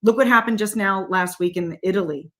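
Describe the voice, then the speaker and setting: A middle-aged woman appears as an interview guest in emphatic political talk, her mid-range voice brisk, bright and forceful. She is insistent, firing rhetorical questions and addressing viewers directly.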